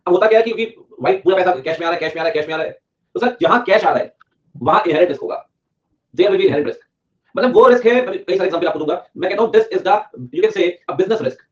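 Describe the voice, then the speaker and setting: A man teaching a live online class at a fast pace, mixing Hindi and English, joking with the class and repeating key points over and over. His voice sits a bit high for a man. The audio sounds dull and lo-fi. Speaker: CA exam teacher.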